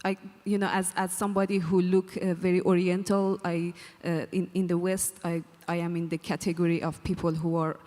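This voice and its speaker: A woman's voice: on the low side, little pitch movement, brisk, few pauses, warm tone. A woman from Afghanistan, a musician guest in a live panel interview, who speaks hesitantly with many fillers. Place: hall, on stage. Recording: long reverb of a hall.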